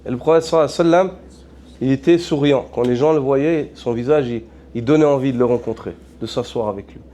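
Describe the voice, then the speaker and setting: A male imam delivers a sermon in a mellow, warm voice. He preaches earnestly, slipping in Arabic phrases and asking his listeners one rhetorical question after another. His pitch sits at a middle level for a man. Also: fast.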